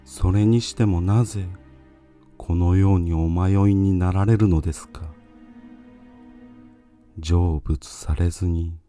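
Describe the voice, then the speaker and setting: A man's voice: low voice, fairly even intonation, slow pace, pauses often, dark tone, soft background music. A man voicing an earnest, grieving poet monk with a reverent, formal, pleading manner in a dramatised story. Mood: sorrowful pleading.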